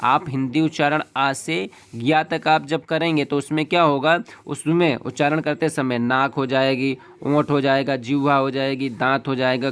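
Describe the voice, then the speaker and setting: A man's voice: mid-range voice, a bit bright, smooth. A man teaching an exam-prep lesson in a step-by-step way, checking in with a short "okay" after each point.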